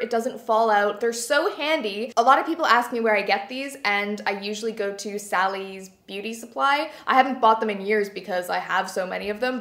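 A young woman in her twenties from Canada, a beauty vlogger, chatting enthusiastically as she shows off her gym gear from a small bright room. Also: medium pitch, reverberant. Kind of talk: casual product show-and-tell. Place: small bright bedroom studio.

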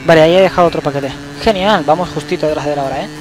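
Excitable young man. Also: fairly high pitch, very fast, background noise. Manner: excitable, swears freely, talks to the game. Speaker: gaming channel host. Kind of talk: casual let's play commentary.

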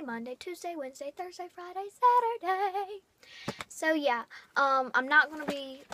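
A young woman giving an unplanned devotional talk on her vlog, rambling and halting in an earnest way. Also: fairly high pitch, bright, forceful tone. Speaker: vlogger.

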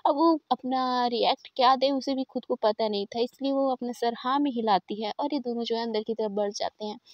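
A woman's voice: a little high, darkish tone, dry recording, highs cut off. A woman narrating a love story in a chatty, rambling way.

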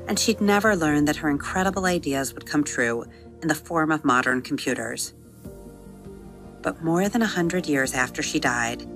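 A woman with a low voice narrates a children's bedtime story as storybook narrator and episode host. She reads expressively, slowing and softening on vivid words, with soft music beneath her.

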